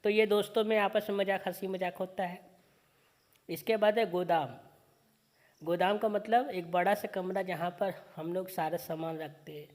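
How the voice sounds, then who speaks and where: A woman's voice: on the low side, steady tone, darkish tone. A woman teacher explaining a children's poem to young pupils. She keeps asking questions and answering them herself, and mixes in short English phrases. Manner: reads verses slowly and sing-song, then explains with repeated questions. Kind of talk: online class lesson explaining a poem.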